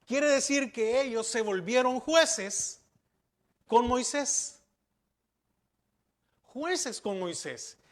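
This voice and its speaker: A man's voice: sits high, a bit bright. A man pastor preaching a sermon, asking rhetorical questions and repeating key words for emphasis.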